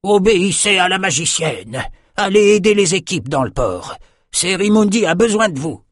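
A man's voice: medium pitch, sing-song, a little slow, no room sound, clean studio sound, pitched above the performer's own voice. A man voicing a boastful male dive master who barks orders at his divers. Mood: commanding. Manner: commanding, bellowing orders.

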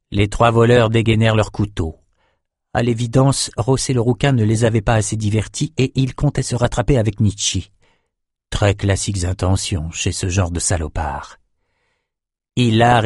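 A man narrating a fantasy novel in a steady, measured storytelling voice. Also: on the low side, no room sound, studio quality. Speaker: audiobook narrator.

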